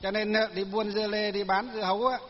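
A monk giving a sermon, telling folksy stories with many fillers. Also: male voice, high voice, level tone, fast talker, a little hiss or hum. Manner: folksy storytelling, many fillers, laughs at own tales. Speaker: Buddhist monk. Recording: lo-fi recording with long hall reverb.

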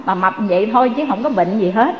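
A woman with a Southern Vietnamese accent voicing a calm doctor who reassures a patient matter-of-factly, in a reverberant hall. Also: medium pitch, fast, highs cut off, slight background noise, close to an everyday voice. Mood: reassuring.

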